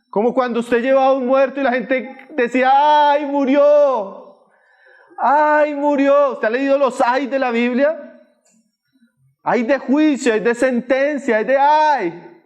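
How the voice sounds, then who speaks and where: Slow high-voiced male preacher. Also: muffled recording. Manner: slow, emphatic preaching with dramatic pauses. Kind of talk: sermon.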